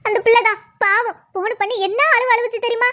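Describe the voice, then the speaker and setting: A woman's voice: extremely high pitch, fairly even intonation, quick pace, bright, forceful tone, dull audio. A woman voicing a worried, tearful village mother, in a cartoon. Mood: fretful. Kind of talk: cartoon voice acting.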